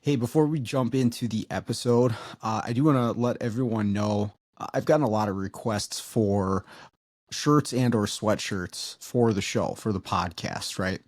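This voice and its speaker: Guy hosting a car-repair podcast, lowish voice, dry close sound, laid back. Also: moderate pace, no room sound. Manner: relaxed, conversational, reads sponsor spots. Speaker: podcast host. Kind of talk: casual podcast interview.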